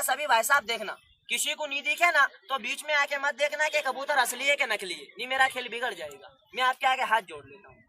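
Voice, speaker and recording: A man performing as a street magician, loudly coaxing and commanding the crowd around him in a patter. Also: very high voice.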